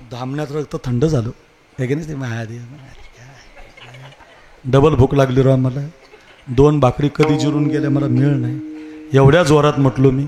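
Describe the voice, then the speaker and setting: A man's voice: medium pitch, warm tone, a little hiss or hum. A man preaching a devotional kirtan sermon in a crowded festival pandal, rousing and commanding the crowd, with call-and-response.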